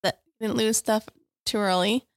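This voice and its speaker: A woman in her thirties co-hosting a podcast, chatting warmly and affectionately with lots of giggles. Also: medium pitch, steady tone, measured pace, no room sound, studio quality. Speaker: podcast co-host. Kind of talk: casual family chat.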